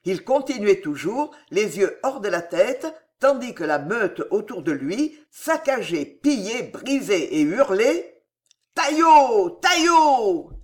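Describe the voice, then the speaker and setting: An audiobook reader narrating a dramatic historical novel in a slow, expressive storytelling manner. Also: medium pitch.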